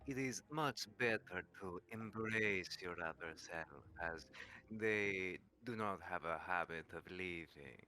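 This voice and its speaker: A man at a tabletop game who talks in a measured, formal way. His voice is low but bright-toned. He is on a video call. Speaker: player. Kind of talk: tabletop role-play.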